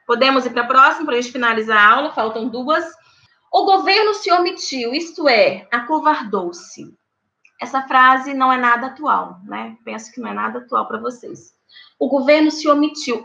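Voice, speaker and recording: A woman's voice: sits high, pushed and bright. A woman teacher with a Brazilian accent, giving an online grammar lesson and checking in with her students often. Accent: Brazilian Portuguese. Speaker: writing teacher. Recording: echoey room, slightly dull audio.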